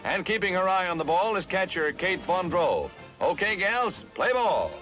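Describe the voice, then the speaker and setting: Old newsreel narrator, man, bouncy and lively delivery, band music underneath. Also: sits high, low-quality recording. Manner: brisk, jaunty announcer patter. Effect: old newsreel soundtrack.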